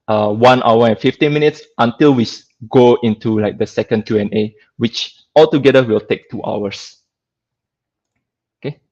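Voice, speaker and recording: A guest lecturer with a Singaporean accent gives an informal technical talk conversationally, often ending points with a checking "right?". His voice has an average pitch and a darkish tone, and the audio is slightly dull and lo-fi, like an online call.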